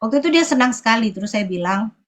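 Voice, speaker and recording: A woman with a fairly high voice shares a personal church testimony. She tells it in a halting, searching way, often stopping to find the next word. She is from Sulawesi in Indonesia. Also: expressive. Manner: hesitant, often pausing to search for words. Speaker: church member giving a testimony.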